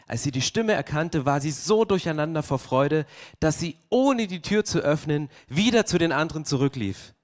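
A young male pastor delivers a sermon in a lively storytelling way, acting out the scene and asking his listeners pointed questions. His voice sits high for a man. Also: moderate pace.

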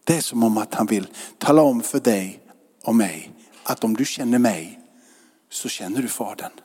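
A pastor whose voice is fairly low, mellow and husky preaches in a church, the sound echoing through a large hall. His sermon feels like a conversation, peppered with rhetorical questions asking whether listeners are following along.

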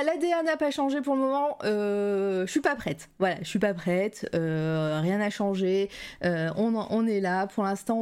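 A woman's voice: medium pitch, darkish tone. Chatty woman hosting a live stream. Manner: chatty, loose, filled with hesitations. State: slight frog in the throat, occasional coughs. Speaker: livestream show host. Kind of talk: casual livestream chat, greeting viewers.

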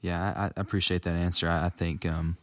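A man's voice: low-pitched, little pitch movement, fairly quick, dry recording, clean studio sound. A man with a West Texas accent hosting a casual interview, feeling his way through questions as he rephrases them.

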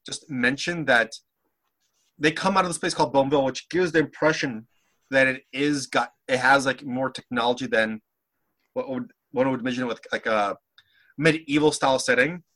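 A man's voice: medium pitch, moderate pace, a bit bright. A man in casual podcast chat, talking hesitantly with many restarts.

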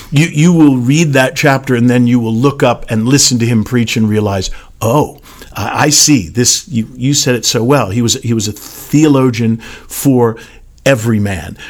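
An older man in casual conversation, speaking earnestly and haltingly with many restarts. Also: mid-range voice. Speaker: podcast guest pastor.

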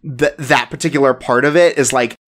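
A podcast co-host of middling pitch talks casually about anime in a loose, rambling way. The speech is full of filler words and breaks easily into laughter. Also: steady tone, a little fast. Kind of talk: casual chat.

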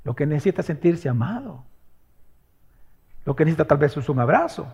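A man preaching a sermon, firing off rhetorical questions and swinging between loud exhortation and hushed, tender passages. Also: on the high side, very animated, brisk, slightly rough. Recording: long hall reverb.

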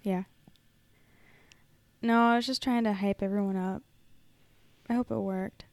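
A woman co-hosting a casual podcast, chatting with sarcastic, animated energy. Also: medium pitch, a little slow, no room sound. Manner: sarcastic, animated, slips into a hyped announcer voice when reading. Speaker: podcast co-host. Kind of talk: casual chat. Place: home podcast setup.

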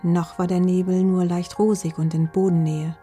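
A woman with a husky voice narrating a children's story in a calm, gentle manner. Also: on the low side, moderate pace, faint music behind.

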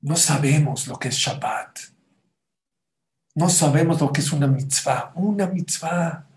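A man's voice: mid-range voice, a little slow, creaky, roomy sound. A man giving an emotional religious talk, telling stories and urging his listeners to listen. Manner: fervent, pleading with listeners, acts out quoted voices. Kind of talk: emotional religious storytelling sermon.

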